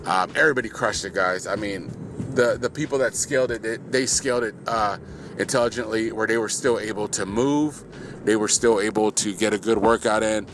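A gym coach recaps the day's workout for his podcast, talking a little fast over background noise. He keeps it casual and joking, packed with fillers and playful hype, and by his own joke his voice is a low monotone.

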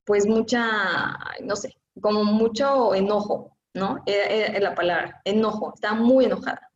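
This is a woman with a Mexican accent speaking at a middle pitch. She recounts her own story in an earnest, emotional way, leaning on fillers as she goes. The recording sounds roomy and a little dull. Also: normal speed. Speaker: interview guest. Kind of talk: personal testimony in a conversation. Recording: echoey, dull lo-fi room sound.

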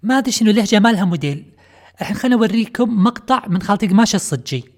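Brief: quick-talking Kuwaiti woman, podcast host, sarcastic and mocking comic monologue. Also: medium pitch, lively intonation.

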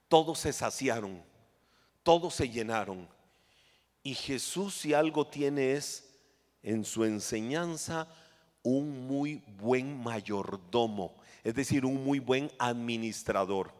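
A man preaching a sermon in an emphatic way, swinging between loud and hushed phrases as he acts out scenes. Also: medium pitch, slow, long reverb tail.

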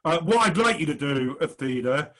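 A man's voice: fairly high pitch, animated, moderate pace, fairly bright tone, rough recording. A man hosting a comedy quiz over a video call, jokey and hesitant with many fillers. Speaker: quiz host. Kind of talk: online comedy panel show hosting.

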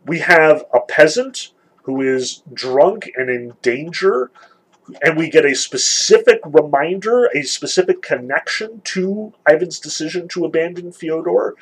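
Man, literature lecturer, fairly high voice, husky, rambling conversational delivery, reads passages aloud. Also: expressive, a little slow, low-quality recording. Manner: loose and conversational, full of "like" and "sort of".

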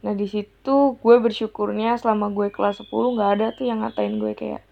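A young woman tells a story from her school days at a middle pitch, in casual slang with an exasperated, lively edge. The recording sounds dull and lo-fi. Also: brisk, creaky. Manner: slangy, exasperated, animated retelling. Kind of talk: personal storytelling monologue.

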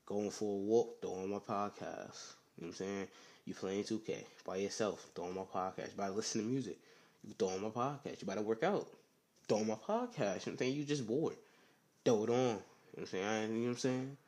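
A young man hosts his own podcast alone, chatting loosely and circling back on himself. His voice sits on the low side and he keeps it subdued, peppering his talk with slang and filler phrases. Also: a little fast, darkish tone. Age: young adult. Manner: rambling, slangy, often says "you know what I'm saying". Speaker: podcast host. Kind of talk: casual solo podcast chat.

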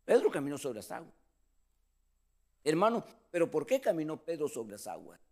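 A man preaching a sermon as pastor, calling listeners brother and acting out the scripture scene. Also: normal speed. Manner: preaching with lively pitch swings, addressing listeners as brother.

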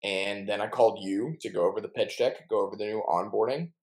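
A man's voice: fairly low pitch, quick pace, a little mellow, poor audio. A young man co-hosting a casual chat, telling stories in a chatty, jokey way and playfully mangling words. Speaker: podcast co-host.

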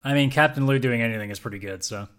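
A man chatting casually on a podcast, with a voice of ordinary middle pitch. He is blunt and opinionated, pressing each point with emphasis. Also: quick pace, fairly bright tone, smooth. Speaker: podcast co-host. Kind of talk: casual chat.

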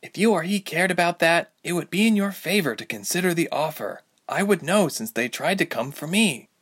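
A man's voice: fairly high pitch, lively intonation, moderate pace, a bit bright, breathy edge, voice pushed up. A man reading aloud, voicing a young mermaid heroine who speaks coldly and insistently in a raised voice. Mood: icy, insistent. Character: young mermaid woman, icy and determined.

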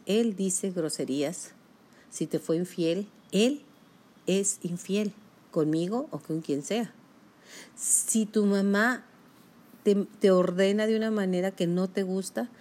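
A woman's voice: mid-range voice, mellow. A woman giving a motivational self-help talk, speaking directly to the listener in a coaching manner.

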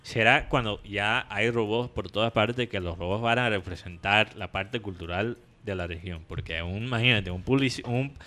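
A man, co-hosting a casual chat, lively and jokey. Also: lowish voice, normal speed, hardly any pauses. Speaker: podcast co-host.

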